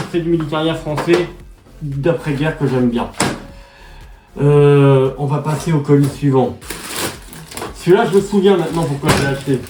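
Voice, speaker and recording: A man chatting casually as he unboxes parcels, slangy and quick to exclaim at each find. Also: on the high side. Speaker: collector unboxing militaria. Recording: echoey room, mic at a distance, noisy.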